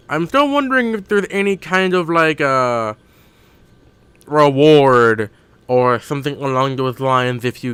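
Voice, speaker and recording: Slow, rambling bright-voiced man. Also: medium pitch, smooth, no room sound. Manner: rambling, thinks aloud, corrects himself. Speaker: gaming streamer. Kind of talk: casual live-stream commentary while gaming.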